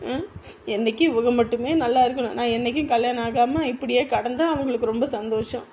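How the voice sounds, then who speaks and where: A woman's voice: on the high side, fairly even intonation, a little fast, darkish tone, slight background noise, close to an everyday voice. An actress playing a fretful young bride who also stands up to her mother in a family drama. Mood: worried. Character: anxious young bride, worried and defensive.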